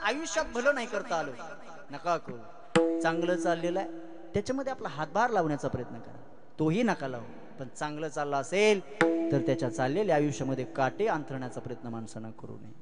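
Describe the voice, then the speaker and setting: A kirtan preacher with a slightly high voice tells a devotional sermon as a dramatic storyteller, swinging from loud soaring lines to soft asides and questioning his audience directly. Music plays in the background.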